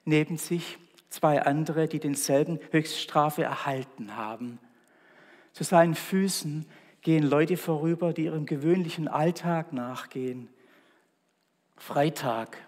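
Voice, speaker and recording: A man preaching a Good Friday sermon and reading scripture in a solemn, slow, deliberate way with weighty pauses. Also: on the high side, a little mellow. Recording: long church reverb.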